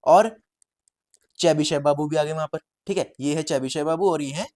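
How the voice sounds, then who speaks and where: A man teaching statistics as a story, lively and repetitive, often calling his viewers brother. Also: a little high, normal speed. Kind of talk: storytelling lecture.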